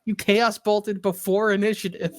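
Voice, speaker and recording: A woman acting as game master, calling out rolls and results in a brisk, matter-of-fact way. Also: mid-range voice, fairly even intonation, no room sound, clean studio sound. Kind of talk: narrating a tabletop game.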